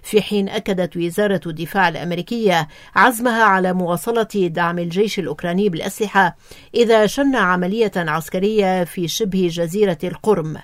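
A woman reading formal radio news headlines in a measured, even delivery. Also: on the low side, no room sound, studio quality. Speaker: newsreader.

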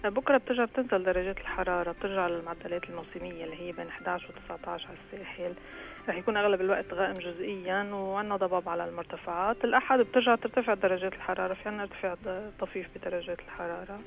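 A Lebanese woman delivers the weather forecast quickly and casually, filling her pauses with drawn-out "aah"s. Her voice has a gravelly, creaky edge, and faint music plays underneath. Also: lowish voice, steady tone, muffled recording. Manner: chatty, informal, with filler "aah". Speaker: weather presenter. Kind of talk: conversational weather report.

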